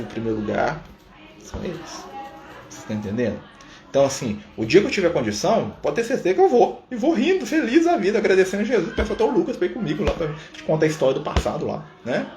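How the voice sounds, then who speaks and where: Brazilian man in an echoey room. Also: a little high. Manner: conversational, fills pauses with a questioning "né?". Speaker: spiritist study group leader. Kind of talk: live-streamed study talk. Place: room at a community center.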